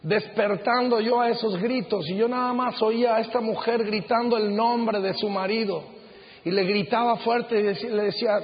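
Middle-aged pastor guy, high voice, earnest slow sermon, echoey hall, kinda dull muffled sound. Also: steady tone. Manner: earnest, measured preaching with slow emphatic phrases. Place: auditorium.

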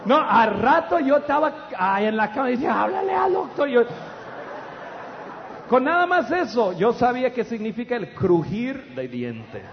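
A middle-aged man, preaching a humorous storytelling sermon in an animated, loud way with stammered restarts. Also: very high-pitched, unhurried, some chatter behind, a little hiss or hum. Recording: dull, echoey hall with audience.

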